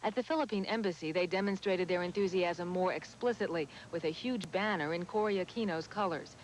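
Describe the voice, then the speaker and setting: Woman, news correspondent, scripted report, faint rumble. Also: fairly quick, low-quality recording.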